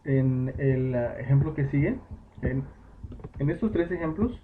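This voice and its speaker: A man teaches at a slow, unhurried pace, pausing on fillers and correcting himself as he goes. His voice sits in an ordinary middle register. The recording is thin and phone-like, with a faint hiss underneath. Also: mid-range voice, expressive. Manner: slow, patient explaining with fillers and self-corrections. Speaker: English teacher. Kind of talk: home-made lesson explaining grammar.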